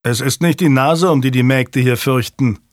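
A man's voice: medium pitch, moderate pace, no echo, clean studio sound, close to an everyday voice. A man voicing a curt, guarded young male servant in a storybook.

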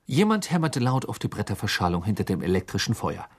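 A man narrating an audiobook in an expressive reading style, with a husky voice. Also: on the low side, fast. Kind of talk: scripted narration.

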